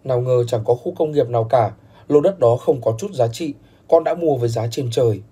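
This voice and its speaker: A man's voice: medium pitch, a little fast, mellow, slightly rough, lightly acted. Man voicing a pleading young grandson. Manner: pleading, tearful.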